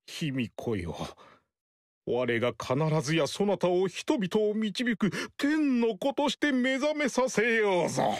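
The actor's take on Zhang Jiao, the grandiose male sorcerer-priest, sits high and sing-song, an exaggerated, solemn, pompous voice slowly declaiming heaven's will in archaic style for a game. It's studio quality with no echo.

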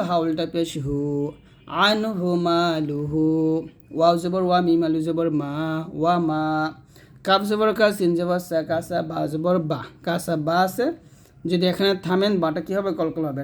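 Male Quran teacher with a Bangladeshi Bengali accent. Slightly high voice, patient, spells out syllables before chanting. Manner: slow, spells letters syllable by syllable, then chants verses. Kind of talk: spelling-out recitation lesson.

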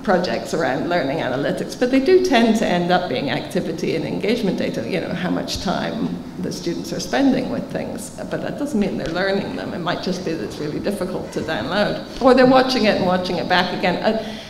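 A woman's voice: on the low side, big pitch swings, a little fast, hardly any pauses, background noise. Woman, 50s, panel speaker, emphatic and explanatory; table mic, echoey conference hall. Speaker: keynote speaker answering questions. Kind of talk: conference Q&A answers. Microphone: table microphone. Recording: reverberant hall, faint ambience.

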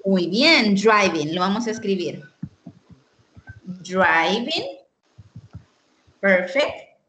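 A woman teaching an online English lesson, explaining slowly and patiently and often checking in with "ok?". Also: medium pitch, sing-song, fairly bright tone, slight background noise. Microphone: computer mic on a video call.

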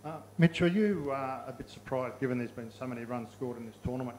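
A man's voice: medium pitch, a little mellow, slight background noise, low-quality recording. A man working as a reporter, asking a long, hesitant question at a press conference.

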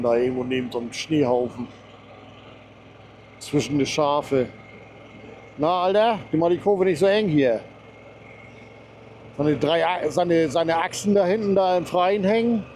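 Talking through a helmet mic on a mountain ride, a motorcycle vlogger keeps up a casual, excited commentary aimed at his viewers and sometimes at himself. He speaks at normal speed with many pauses, in a somewhat high, slightly mellow voice, over a faint hiss or hum.

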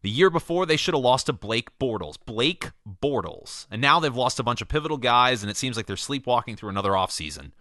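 A man's voice: medium pitch, very animated, a little fast, few pauses, sharp tone, no room sound, studio quality, pitched above the performer's own voice. A man playing a brash male sports talk radio host, delivering a scripted, emphatic and opinionated monologue.

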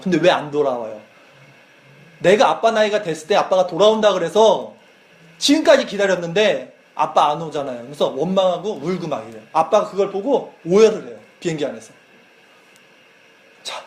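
Lively high-voiced man retelling a story. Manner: lively storytelling, acting out quoted lines. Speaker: youth pastor. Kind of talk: youth sermon retelling a film. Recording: echoey church hall.

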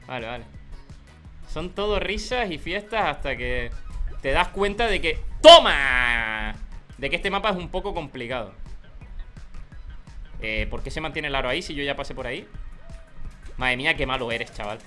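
Lively young Canarian gamer streaming. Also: male voice, fairly high pitch, normal speed, long pauses, soft background music. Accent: Canary Islands Spanish. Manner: animated, swings from calm mutters to loud shouting. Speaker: gaming streamer. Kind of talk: excited live gameplay commentary.

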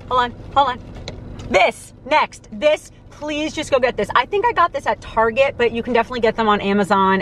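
A young woman from the States chatting to camera from inside a parked car, talking quickly and animatedly with lots of fillers. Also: medium pitch, a bit bright, slight background noise. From United States. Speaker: vlogger. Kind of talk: casual vlog talk to camera. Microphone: camera on dashboard.

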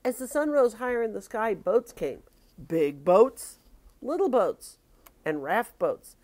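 An older woman, a grandmother, reading a picture book aloud with expressive, drawn-out storytelling. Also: on the high side.

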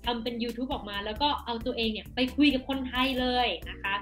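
A woman's voice: a little high, fairly even intonation, fairly quick, faint music behind. A young woman with a Thai accent hosting a casual video interview as a language teacher, speaking into a desk microphone. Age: young adult. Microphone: desk microphone on a video call.

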